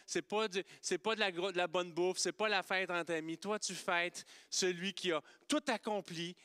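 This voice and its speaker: Animated Québécois preacher with a bright voice. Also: male voice, sits high, clear, resonant tone, no echo, studio quality. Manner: animated and playful, swinging from loud exclamations to hushed softness. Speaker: pastor. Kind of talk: sermon.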